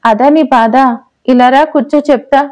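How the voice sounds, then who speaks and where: A woman's voice: high-pitched, normal speed, dark tone, dull audio, close to an everyday voice. Woman voicing a pouty playful young wife. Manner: teasing, pouty. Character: playful pregnant young wife, mock-sulky. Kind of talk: audio story dialogue.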